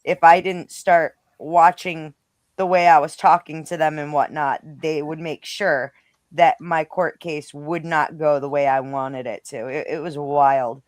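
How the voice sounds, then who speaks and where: A woman's voice: low-pitched, fairly even intonation, measured pace, no room sound. A blunt woman who swears freely, talking casually in a live discussion. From Rhode Island, now Western New York.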